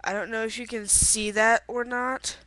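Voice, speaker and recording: A woman's voice: fairly high pitch, steady tone, normal speed, bright, forceful tone, dry recording. A young woman vlogging late at night on her laptop webcam at home, rambling and giggling, sleepy and yawning. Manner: rambling, giggly, lots of filler words. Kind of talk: casual video diary. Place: bedroom at home.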